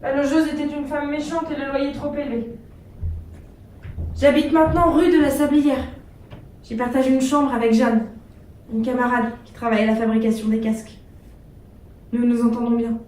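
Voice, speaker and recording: An earnest young wartime factory girl reads her letters in a tender, measured way, as an actress puts her on. Her voice sits fairly high, and it sounds echoey and distant, as if taken from far back in a theatre. A faint hum runs underneath. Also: fairly even intonation, darkish tone, natural voice. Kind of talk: stage reading of letters. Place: theatre stage.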